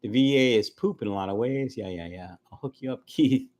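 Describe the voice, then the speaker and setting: Brisk and darkish in tone, the medium-pitched voice belongs to a man in his early fifties running a fishkeeping livestream. He reads the chat and answers comments in a loose, talkative, casual manner.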